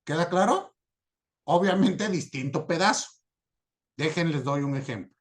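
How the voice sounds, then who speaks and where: Slow, high-voiced male teacher. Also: animated. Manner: slow, patient, checks understanding often. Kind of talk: recorded lecture on citation format.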